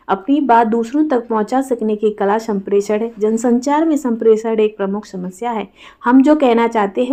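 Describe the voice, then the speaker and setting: A woman's voice: on the high side, dark tone. A woman teacher reading a prepared exam answer aloud as a lecture, stressing words in example sentences.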